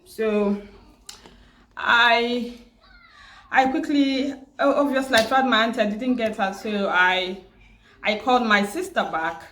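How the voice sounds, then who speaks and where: A grieving woman with a Nigerian accent, from Nigeria, telling a personal story at home in a halting, tearful way, repeating words and restarting often. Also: on the high side, pushed and bright. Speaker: vlogger. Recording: roomy echo.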